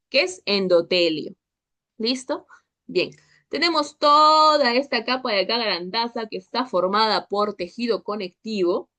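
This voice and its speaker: A woman's voice: medium pitch, fairly bright tone. A young woman tutoring a histology class online, chatty and checking in with her students all the time. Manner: chatty, checks in with constant "¿ok?" and "¿listo?".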